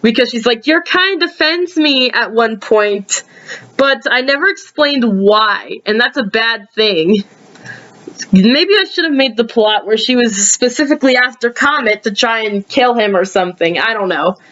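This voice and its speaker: A woman casually rambling through reviews of her own videos, sleepy and yawning, with lots of ums and sudden jumps in pitch. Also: lively intonation, moderate pace, a bit bright, dull audio.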